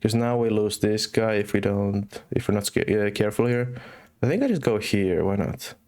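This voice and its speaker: A man's voice: fairly low pitch, normal speed, a little mellow. A young man from Finland with a Finnish accent that mixes in British and American English. He streams chess casually, thinking aloud with many fillers and restarts. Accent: Finnish, with British and American English mix. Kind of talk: casual live-stream commentary.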